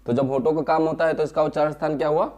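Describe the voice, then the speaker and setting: A man teaching a lesson, explaining slowly, sounding out syllables one by one, asking questions and answering them himself. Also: on the high side, fairly even intonation, a little mellow. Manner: explains slowly, repeats key terms and answers his own questions. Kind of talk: classroom lesson.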